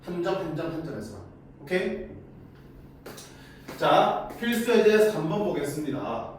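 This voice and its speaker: A man teaches a math lesson to students in a high-pitched, animated but unhurried voice, chatting as he goes and repeatedly asking questions he then answers himself. He's recorded from a distance in an echoey room with faint noise.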